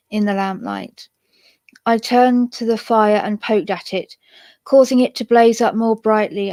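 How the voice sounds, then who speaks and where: A woman with a fairly high voice narrates a ghost story, reading steadily and breaking off now and then for self-mocking asides. The sound is dry and close to the mic. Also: a little mellow, no echo.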